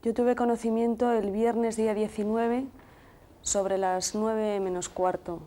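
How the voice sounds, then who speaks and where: Woman with a mellow, dark voice, from Madrid. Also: on the high side, flat delivery. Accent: Spanish from Madrid. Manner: measured, detailed retelling with quoted dialogue. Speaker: guest, sister of the deceased. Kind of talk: emotional first-person account in a TV interview.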